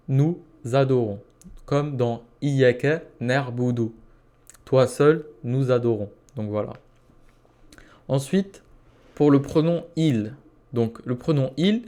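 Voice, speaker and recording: A man of average pitch gives a grammar lesson in a calm, methodical way. He repeats each example word slowly so learners can follow, and he circles back to sum up each rule. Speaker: language teacher. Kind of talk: explaining grammar step by step.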